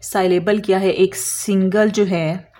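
A woman explaining a lesson as an English teacher, slowly drawing out example words and answering her own questions. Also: mid-range voice, steady tone, dark tone. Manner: asks questions and answers them herself.

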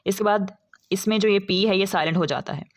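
A woman's voice: mid-range voice, brisk. A woman teaching English pronunciation in a patient, methodical lesson, repeating each rule as she goes through examples. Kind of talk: explanatory lesson.

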